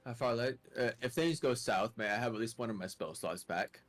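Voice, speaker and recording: A young man playing a tabletop game, questioning characters in a playful, drawn-out way. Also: medium pitch. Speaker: player. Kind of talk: casual tabletop game play.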